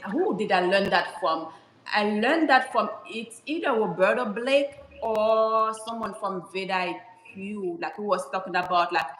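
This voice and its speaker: Her voice is medium-pitched, pushed and bright. She's a Haitian guest YouTuber in a casual live-stream chat over a video call, rambling with plenty of "like" and "you know," recorded in an echoey room with faint hiss.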